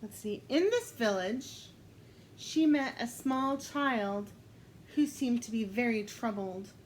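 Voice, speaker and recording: Woman, casual storyteller at a card game, slow and thinking aloud, higher voice, faint hiss in the background. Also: low-quality recording. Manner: unhurried, laughs often, thinks aloud.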